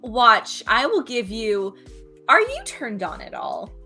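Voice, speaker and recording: Lively, laughing woman game master. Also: a little high, takes it slowly, gravelly, husky, soft background music. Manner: explains the rules, laughs easily. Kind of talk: running a tabletop role-playing game.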